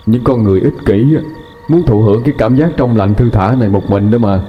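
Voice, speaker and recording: A man playing a cautious, worried young man in a ghost story, talking quickly and hesitantly. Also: on the low side, close to an everyday voice. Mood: uneasy. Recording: dull lo-fi with faint music.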